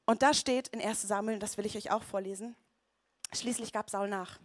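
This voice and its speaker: A woman's voice: medium pitch, fairly even intonation, a little fast. A woman preacher giving a conversational sermon, retelling scripture with vivid comparisons and checking in with listeners.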